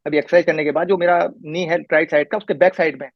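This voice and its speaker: Fast-talking middle-aged man, muffled sound. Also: on the high side, steady tone, no echo. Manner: detailed, rambling account with restarts. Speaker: patient. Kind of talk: casual conversation. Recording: muffled lo-fi recording.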